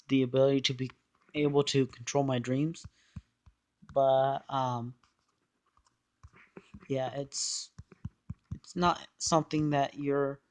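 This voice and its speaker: A man giving a casual explanatory monologue in a hesitant, halting way, often trailing off. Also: medium pitch.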